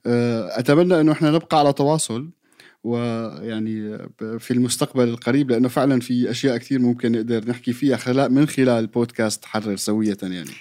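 Quick-talking Jordanian man, podcast co-host. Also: medium pitch, dark tone, no echo, studio quality. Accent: Jordanian Levantine. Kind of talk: casual conversational banter.

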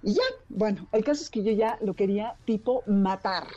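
This woman speaks at a moderate pace in a medium pitch, and the recording's highs are cut off. A radio broadcaster with a Mexican Spanish accent, she tells anecdotes in casual chat and animatedly acts out the voices of the people she quotes.

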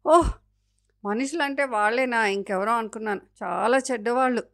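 A woman's voice: a little high, moderate pace, dry recording, studio quality, natural voice. A woman voicing an innocent, curious little baby monkey in a storybook tale, asking wondering questions.

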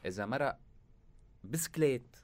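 At normal speed, in a mid-range voice with lively intonation, a man with a Syrian Arabic accent talks informally as a musician being interviewed, speaking colloquially in short bursts.

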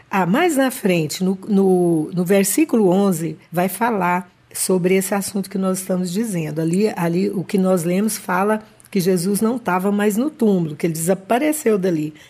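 Mellow-voiced Brazilian woman co-hosting a Bible talk. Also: medium pitch. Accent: Brazilian Portuguese. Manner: hesitant, repeats words while searching for them. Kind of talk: conversational Bible talk and reading.

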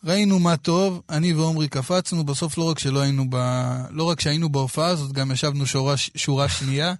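A man in his thirties from Israel, telling a personal story in a casual, lively way with quoted dialogue. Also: a little high, no echo, studio quality. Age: 30s.

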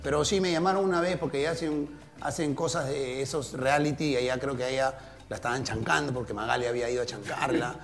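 A middle-aged man with a Peruvian accent from Callao, an interview guest telling stories in a relaxed, laughing way and acting out the dialogue. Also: mid-range voice, fast talker, soft background music. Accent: Peruvian Spanish, Callao. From Peru. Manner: laughing, animated storyteller, plays out quoted dialogue. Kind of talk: casual storytelling interview.

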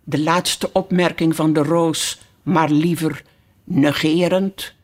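A narrator reading a children's classic aloud, in a calm, measured and expressive way. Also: medium pitch. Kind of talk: slow audiobook storytelling.

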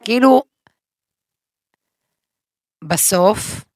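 A woman in her forties, co-hosting a podcast in casual chat, an animated storyteller who acts out the voices she quotes. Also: mid-range voice, gravelly, dry recording, studio quality. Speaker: podcast co-host.

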